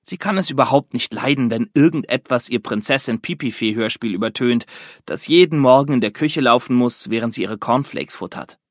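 A man narrating a children's book in a lively, expressive storytelling manner. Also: medium pitch, fairly quick, no echo, studio quality. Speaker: audiobook narrator.

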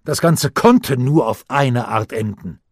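A man's voice: mid-range voice, lively intonation, slow, no room sound, studio quality. A man voicing a stern lecturing uncle. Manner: firm, commanding, lecturing. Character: stern middle-aged uncle lecturing his nephew.

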